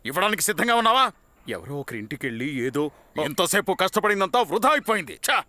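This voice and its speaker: A man dubbing a rough, threatening character who scolds gruffly in a film scene. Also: high-pitched, sing-song, fast, no echo, full character voice. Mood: angry. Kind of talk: dubbed film acting. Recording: film soundtrack with loud music.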